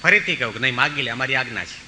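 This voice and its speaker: A man's voice: medium pitch, animated, very fast, bright, forceful tone, slight background noise, poor audio. A man preaching a storytelling sermon, acting out the voices of the people in his tales. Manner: acts out voices in his stories, pleading and commanding. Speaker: monk preacher.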